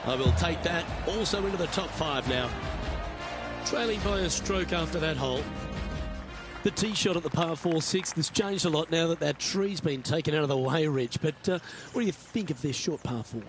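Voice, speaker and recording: A man playing a composed, courteous TV golf anchor, calling play as a golf commentator with measured, polished delivery in a video game. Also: fairly high pitch, loud music behind the voice, natural voice. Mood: composed, approving.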